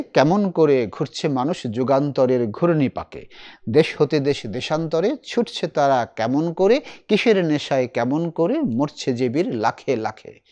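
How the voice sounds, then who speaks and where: A middle-aged man teaching a recitation class, explaining slowly and asking his students questions. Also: a little high, darkish tone.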